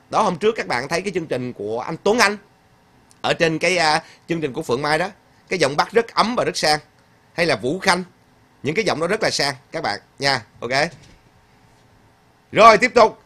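A man's voice: fairly high pitch, a bit bright. A man hosting a casual livestream. He reads viewer comments aloud and answers them emphatically, repeating his points with frequent fillers. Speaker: host of a political livestream.

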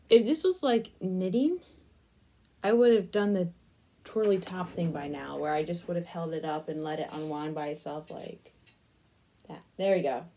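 Unhurried and given to long pauses, a young woman's lowish, dark voice carries lively intonation as she casually chats during a crochet demonstration. She's a crafting vlogger in a small indoor attic room, absorbed and half talking to herself.

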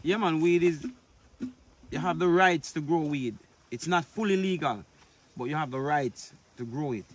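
A middle-aged man with a Jamaican accent, a farmer answering interview questions outdoors in a relaxed, easygoing way. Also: on the high side, moderate pace. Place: outdoors on a rural farm.

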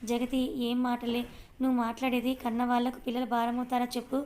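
A woman playing a caring older mother in an audio story. She coaxes and soothes her grown daughter in a tender voice. The sound is warm and the pitch stays even. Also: quick pace, close to an everyday voice. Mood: coaxing. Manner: coaxing, tender.

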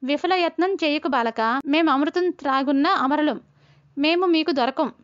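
A woman's voice: sits high, normal speed, no echo, lightly acted. A woman voicing a proud, immortal male king of the gods in a storybook tale, speaking in a lofty, firm way. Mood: haughty. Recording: dull lo-fi recording.

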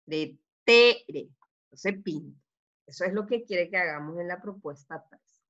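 A woman teacher giving a slow, patient class, sounding out each word and explaining rules to her students. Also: fairly low pitch, fairly bright tone. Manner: slow, patient, spells out words. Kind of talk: online class lesson. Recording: muffled lo-fi recording.

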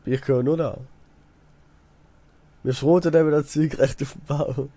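A young Swiss man with a Swiss German accent, an apprentice builder and let's player, chats casually while gaming. His voice is slightly high, steady and warm, at a measured pace in a dry recording, and his stories ramble and repeat themselves.

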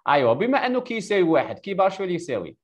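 A male electrical engineering teacher with an Algerian Arabic accent, giving a live tutoring lesson over a video call and quizzing his student with rapid-fire questions before confirming her answers. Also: sits high, very animated.

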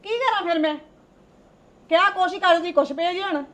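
Woman doing a whiny young housewife, very high voice, complaining, theatrical, drama series. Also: normal speed, a bit bright. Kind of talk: family drama acting.

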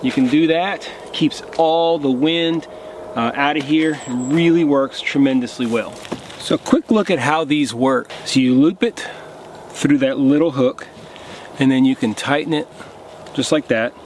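Man, thirties, casual hands-on gear demo outdoors, mid-pitched voice, faint woodland ambience behind. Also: a little slow, a little hiss or hum. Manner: relaxed, hands-on explaining while demonstrating gear. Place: outdoors in a pine forest.

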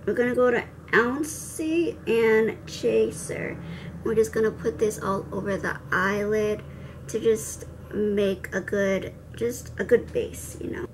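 A young woman vlogger talks through a makeup demo at an ordinary mid pitch, her r sounds leaning toward w. She is chatty, slangy and quick to poke fun at herself. The home recording has clear background noise. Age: young adult. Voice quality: soft r sounds, r said like w. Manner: playful, self-deprecating, slangy asides. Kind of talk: casual chatty tutorial. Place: indoor room with cloth backdrop, seated before camera.

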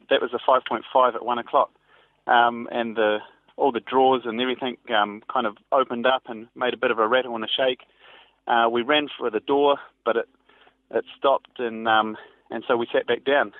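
Interviewed by phone, a male newspaper reporter gives a spontaneous eyewitness account in a hesitant, halting way. His voice is medium-pitched, and the dry recording comes through a tinny, narrow phone line.

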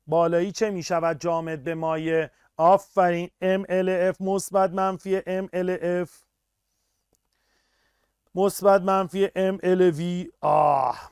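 High-voiced, lively male physics teacher. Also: clean tone, dry recording, clean studio sound. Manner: energetic, urging students on, praising often. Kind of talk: live online class lecture.

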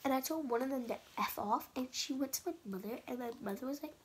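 A woman's voice: high-pitched, fast, slight background noise. A young woman vlogging casually on a phone at home, boastful and rambling with sass. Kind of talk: casual vlog chat.

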